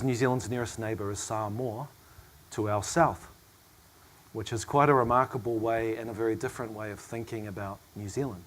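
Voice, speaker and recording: A middle-aged man chairs a panel, his hoarse voice worn thin by a cough. He offers his remarks reflectively and at a measured pace, adding soft asides and small laughs. His pitch is an ordinary middle range for a man.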